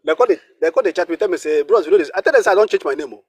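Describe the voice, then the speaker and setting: A man's voice: high-pitched, animated, racing, slightly rough. A man from Nigeria with a Nigerian accent, chatting casually in Nigerian Pidgin and repeating phrases for emphasis. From Akwa Ibom, Nigeria. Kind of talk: animated casual chat.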